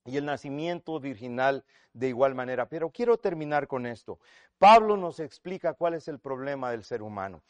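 A man preaching a sermon, swinging between loud declarations and hushed asides and speaking to each listener as "brother". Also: medium pitch, expressive, normal speed, dry recording. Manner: acts out quoted voices in retold scenes.

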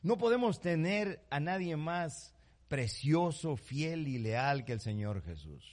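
A man's voice: a little high, sing-song, slow pace. Impassioned preacher, man. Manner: impassioned preaching, sudden loud rises and hushed drops; addresses listeners as "mi hermano". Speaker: pastor. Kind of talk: sermon.

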